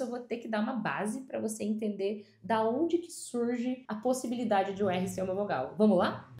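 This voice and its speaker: A woman with a Brazilian Portuguese accent explains a language point in a video lesson, speaking patiently and clearly and drawing out example words slowly. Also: fairly high pitch, a little mellow. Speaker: English teacher. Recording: roomy echo.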